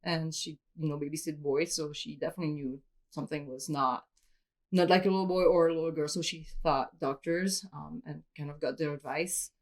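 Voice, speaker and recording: A woman originally from Switzerland talks openly in an interview. Her voice sits a bit low for a woman. She explains things step by step in a candid, matter-of-fact way. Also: steady tone, brisk. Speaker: interview guest.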